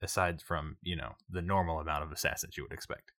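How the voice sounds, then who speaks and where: A man narrating as game master of a tabletop game, talking haltingly with many fillers. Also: extremely low pitch, fairly even intonation, sharp tone, no echo, clean studio sound.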